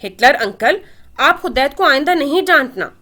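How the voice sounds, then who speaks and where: A woman doing a high, innocent little girl. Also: expressive, moderate pace, pushed and bright. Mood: innocent, chatty. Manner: innocent, eager questioning. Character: innocent chatty three-year-old girl.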